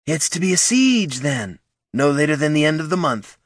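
A pompous business magnate delivers his pronouncements in a raised, lively, self-important voice. A man puts him on in an audiobook. The sound is dry and close. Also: on the high side, normal speed, dry recording, voice pushed up. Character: pompous male tycoon, ominous and aloof.

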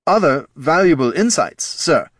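A man's voice: fairly high pitch, big pitch swings, measured pace, a bit bright, dry recording, pitched above the performer's own voice, heavily acted. A man voicing a nervous, fawning undead male head of marketing who stammers. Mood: panicked. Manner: jittery, stammering.

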